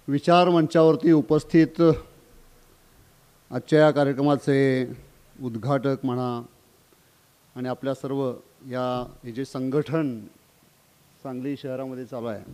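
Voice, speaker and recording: Slow, deliberate lecturing man. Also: mid-range voice, warm tone. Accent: Kolhapur Marathi. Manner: slow, deliberate oratory with rising emphasis. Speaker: guest lecturer. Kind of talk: public lecture.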